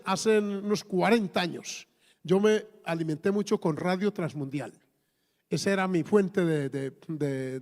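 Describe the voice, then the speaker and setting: A man in his fifties with a Colombian accent, preaching a sermon emphatically, with exclamations and repeated words. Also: sits high. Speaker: pastor. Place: church hall. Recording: long reverb of a church hall.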